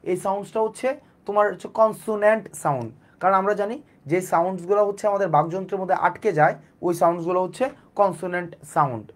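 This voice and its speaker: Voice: mid-range voice, fairly even intonation, quick pace. An English teacher, giving a live online class. The teacher repeats sounds over and over and asks and answers their own questions.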